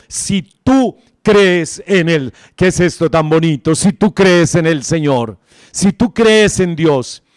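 Casting: male priest, fairly high voice, unhurried and emphatic sermon, close and dry. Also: no room sound. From Colombia. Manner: emphatic, repeats key phrases.

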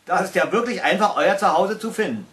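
A man's voice: sits high, a little fast. A man voicing a spirited, mocking female reindeer in a storybook reading. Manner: mocking, lively.

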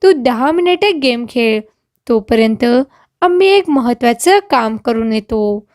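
A calm, patient young husband, as a woman storyteller puts him on. He soothes in an unhurried, high voice, recorded close and dry. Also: no room sound. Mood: soothing.

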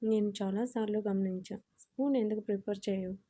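Lady doing a joking young guy in an audio story, low and mellow, muffled audio. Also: fairly even intonation, a little fast, lightly acted. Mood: teasing. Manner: bantering, affectionate teasing. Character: teasing playful young man, college-aged lover. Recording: dull lo-fi audio.

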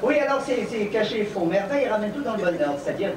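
A man's voice: high voice, lively intonation, fast, background noise. A man in drag doing bawdy, theatrical cabaret comedy on stage at a stand mic. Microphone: stand mic, filmed from afar. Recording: echoey far-off home video of a stage.

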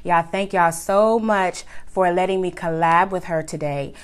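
A woman's voice: fairly low pitch, steady tone, a little slow. A woman from Atlanta greeting viewers as a guest YouTuber, friendly, using Southern slang. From Atlanta, USA.

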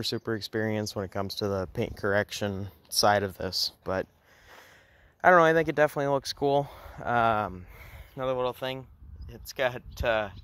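A man's voice: on the low side, a bit bright. A man casually narrating an outdoor car restoration walkaround, rambling with fillers and restarts, filmed on a handheld phone. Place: outdoors on a grassy yard beside a car.

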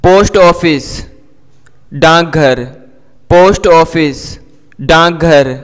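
A man's voice: a little high, drawn-out words, big-room sound. A man teaching English words with their meanings, saying each word and its meaning twice and explaining pronunciation to students. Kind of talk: vocabulary lesson.

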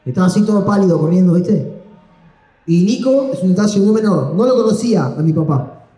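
A man's voice: high-pitched, expressive, fairly quick, warm tone. Rambling Argentine man doing stand-up. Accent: Argentine Spanish. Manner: rambling, slangy, self-deprecating. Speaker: stand-up comedian. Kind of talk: live stand-up storytelling. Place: comedy stage. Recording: echoey live room.

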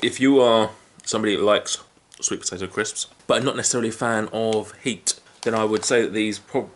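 With a mid-range voice, a British man in his thirties casually reviews chips on camera in a small living room at home, talking unscripted between crunchy bites. The camera stands a short distance in front, and the recording picks up clear background noise and crinkling packets.

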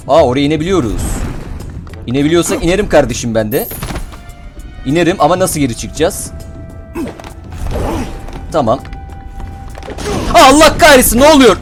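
A young man giving casual gameplay commentary as a channel host, excitable, swearing and shouting when frustrated. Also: mid-range voice, moderate pace, long pauses, soft background music.

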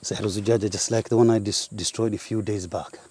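A man in his thirties, a ruqya practitioner, walking through woodland and emphatically pointing things out, with a husky voice. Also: on the low side, steady tone, fairly quick, a little mellow. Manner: emphatic, pointing things out, mixes in Arabic terms. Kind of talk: guided outdoor walkthrough. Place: outdoors in woodland by a large tree.

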